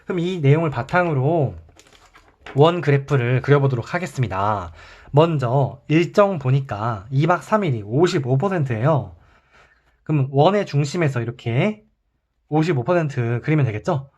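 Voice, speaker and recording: A man teaching an online math class, talking students through each step as he draws. His voice sits at an ordinary middle pitch. The recording is slightly muffled and lo-fi. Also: moderate pace. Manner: calm, explains step by step while drawing.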